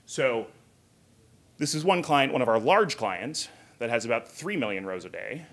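Here a man in his thirties sounds lively, his medium-pitched voice moving along at normal speed. A software engineer by trade, he stands at a podium in a hotel conference room indoors, delivering a casual technical talk full of conversational explanation and asides.

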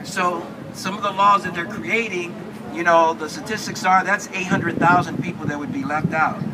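An earnest man with a high voice rallies a crowd outdoors, repeating himself as he builds up. The phone that catches him sits at a distance, and loud street and traffic noise runs under everything. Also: steady tone, normal speed. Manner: earnest, repetitive restarts, rousing. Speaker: state commissioner and magazine publisher. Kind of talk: speech at an outdoor rally. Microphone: handheld mic, filmed by a phone from far off.

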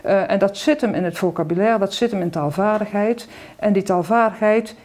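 A woman's voice: mid-range voice, brisk, a little mellow. A woman in her sixties from the Netherlands, a retired professor in an oral history interview, who talks thoughtfully, searches for words and stresses her points. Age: 60s.

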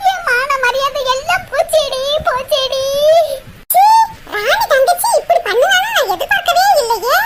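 A wailing Tirunelveli village sister. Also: female voice, extremely high pitch. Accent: Tirunelveli Tamil. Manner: wailing, scolding, melodramatic. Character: loud, dramatic village woman Rani, older sister. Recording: loud background noise.

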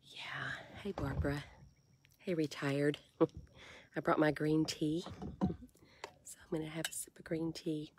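A woman, talking softly and half-whispering in a casual devotional vlog, filmed on a phone held at arm's length from a kayak on a lake. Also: low voice, level tone, measured pace, pauses often, background noise. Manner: soft, breathy, half-whispered, musing. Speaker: faith vlogger.

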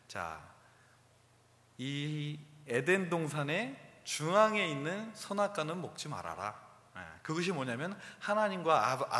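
Animated male pastor in a reverberant hall. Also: fairly high pitch. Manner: animated, acts out quoted lines with laughter. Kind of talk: sermon.

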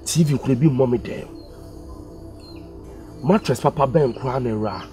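A man's voice: mid-range voice, normal speed, warm tone, soft background music, close to an everyday voice. A man with a Ghanaian accent playing a broke young man who earnestly pleads with his girlfriend in a comedy skit. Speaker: poor boyfriend.

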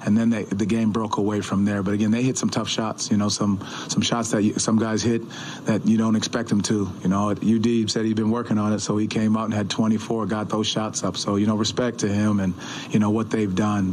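A man in his forties, a head coach, answering questions at a postgame press conference in an arena press room, measured and often restarting his words. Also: on the low side, little pitch movement, darkish tone, a little hiss or hum, low-quality recording. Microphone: table mic on a stand.

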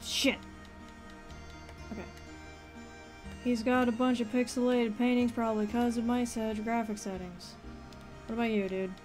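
A woman's voice: on the high side, fairly even intonation, a little slow, long pauses, darkish tone, soft background music. A woman hosting a let's play, giving casual game commentary full of dry, irreverent asides.

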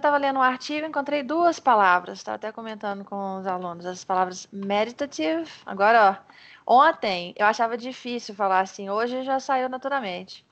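A Brazilian woman teaching English over a video call, modeling words slowly and encouraging her student. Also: on the high side, dull audio. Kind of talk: online pronunciation lesson in Portuguese.

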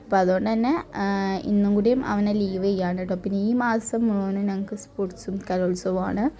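A woman talks through her morning kitchen routine in a homely, chatty way, tagging her lines with a friendly aside. Her voice is mellow and warm. She sits at a middle pitch and records herself on a phone in a home kitchen. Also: steady tone, normal speed. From Kerala, India. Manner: chatty running commentary, tags many lines with a friendly "you know". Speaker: family vlogger and mother. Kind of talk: casual narrated cooking vlog. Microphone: phone camera, filming herself alone.

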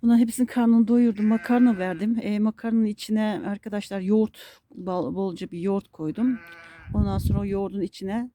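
A woman's voice: medium pitch, steady tone, a little fast, dark tone, a little hiss or hum. A woman vlogging in her garden, complaining wearily and cooing baby talk to her dogs. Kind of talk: casual vlog talk to camera and dogs. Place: outdoor garden.

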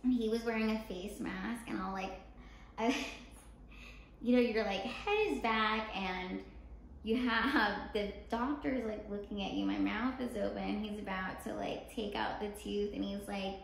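A woman's voice: medium pitch, a little slow, creaky. A young American woman telling a story in casual chat, acting out quoted dialogue and often saying "like". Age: young adult. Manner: animated retelling with quoted dialogue, frequent "like". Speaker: show co-host telling a personal story. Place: apartment living room, indoors. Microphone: camera mic a few feet away. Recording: echoey room, faint background noise.

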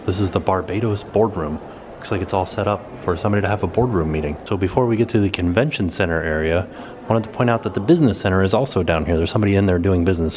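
A man's voice: sits low, background noise. Casual man narrating a walking hotel tour. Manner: casual, upbeat pointing-out of sights. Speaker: vlog host. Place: hotel halls and outdoor pool areas. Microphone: handheld camera at arm's length.

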